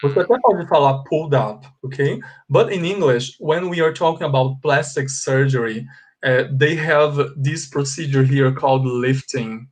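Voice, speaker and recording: A man's voice: mid-range voice, a little slow. A man with a Brazilian Portuguese accent teaching an online English class, switching between Portuguese and English and patiently repeating the forms. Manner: explains patiently, repeats forms, checks with students.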